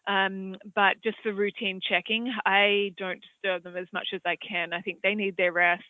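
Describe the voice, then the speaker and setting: An Australian equine veterinarian with a high voice answers audience questions as an expert over a tinny, phone-like line. The recording is dry and close, and his tone is level at a normal speed. He rambles through his points hesitantly, using many fillers.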